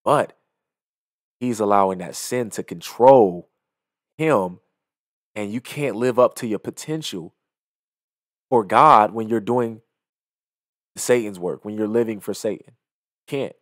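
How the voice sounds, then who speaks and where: This young video commentator moralizes emphatically in his reactions, speaking from a small indoor home studio into a close studio mic on an arm with a headset on. He talks slowly at a fairly low pitch, leaving long pauses, and the recording is dry.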